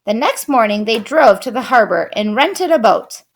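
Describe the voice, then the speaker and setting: A woman expressively reading a children's picture book aloud. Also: a little high. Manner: expressive, unhurried. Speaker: storyteller.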